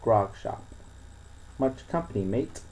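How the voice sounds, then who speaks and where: A man voicing a fierce, coarse old sea captain who talks in a rough seafaring dialect. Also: mid-range voice, expressive, slow, a little mellow, poor audio. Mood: gruff. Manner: gruff, rustic seafaring dialect.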